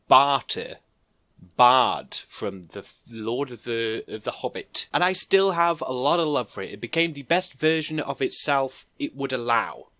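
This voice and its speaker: A man's voice: mid-range voice, sharp tone, no echo. A young man giving loose, slangy and profane gaming commentary, rambling through his thoughts. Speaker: gaming video creator.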